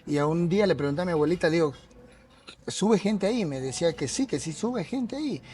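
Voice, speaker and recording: A man with a coastal Ecuadorian accent, a mountaineer and police officer, telling his story in an earnest, halting way during a café interview. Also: a little high, lively intonation, darkish tone. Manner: earnest, repeats words while searching for them. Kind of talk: casual interview.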